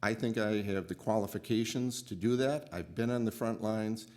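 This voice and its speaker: A middle-aged man giving a relaxed closing statement as a school board candidate in a city hall auditorium. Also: lowish voice, moderate pace. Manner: relaxed, with small restarts and fillers.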